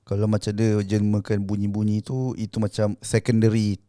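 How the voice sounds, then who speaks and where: A man, co-hosting a casual podcast and telling a ghost story in a relaxed, halting way. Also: lowish voice. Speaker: podcast co-host.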